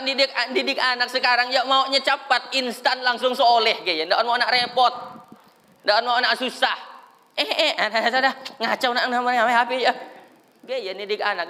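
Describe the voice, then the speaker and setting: A man preaching a lively sermon, acting out crying children and fussing parents. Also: extremely high pitch, in a large hall. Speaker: Islamic preacher.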